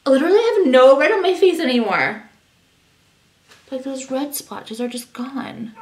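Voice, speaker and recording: A woman in her thirties chats casually to a camera held at arm's length in her bedroom, rambling and poking fun at herself while she shows off a skincare product. Her voice sits high and a little mellow, with lively intonation and a moderate pace.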